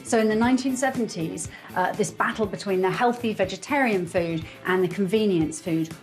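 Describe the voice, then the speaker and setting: A woman presenter interviewing a family, asking clear, inquisitive questions. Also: medium pitch, fairly quick, darkish tone, faint music behind.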